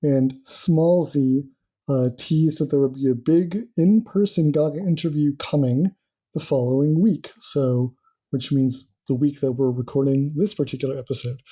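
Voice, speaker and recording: Eagerly recapping news, this non-Australian podcast co-host keeps the chat casual and sprinkles in frequent ums. Pitch is medium, pace moderate, and the tone slightly rough.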